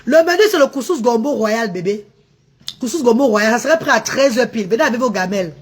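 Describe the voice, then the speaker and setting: Speaking fast in a husky, animated voice on the high side, a woman from Cameroon rants on her live stream. She ridicules commenters in between news about her charity restaurant.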